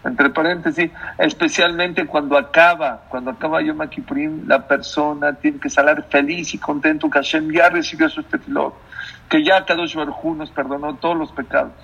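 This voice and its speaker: A man's voice: a little high, steady tone, moderate pace, gravelly, a bit bright, breathy edge. A man giving a sermon as a rabbi, emphatic, repeating phrases and putting questions to his listeners, on a dull lo-fi recording. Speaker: rabbi, religious teacher.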